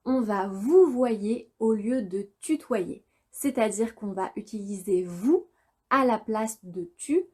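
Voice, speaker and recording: A young woman teaches French in a slow, deliberate way. She repeats each example phrase so learners can copy it. Her voice sits a little high for a woman. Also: dark tone, slightly rough. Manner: speaks slowly and carefully, repeats model phrases for learners. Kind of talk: slow, clear language lesson.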